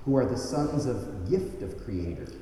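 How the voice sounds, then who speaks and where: A man reading the gospel aloud at a church service in a slow, measured way, his voice carried by a cathedral echo. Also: mid-range voice, lively intonation, mellow. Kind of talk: liturgical scripture reading. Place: large church. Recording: cavernous church reverb from a distant mic.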